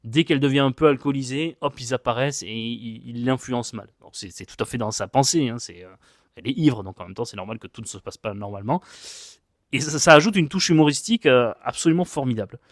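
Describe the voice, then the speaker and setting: Man, casual manga review, rambling, hesitant, mid-pitched, dry close sound. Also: fast, dry recording. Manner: chatty, rambling, frequent hesitations and repeated words; self-mocking about his English accent.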